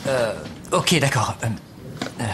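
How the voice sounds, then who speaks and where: A man's voice: medium pitch, lively intonation, slow. An actor playing an earnest, awkward policeman in a dubbed TV comedy-drama, speaking hesitantly. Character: earnest, awkward, jumpy male police officer. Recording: music behind the voice. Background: music.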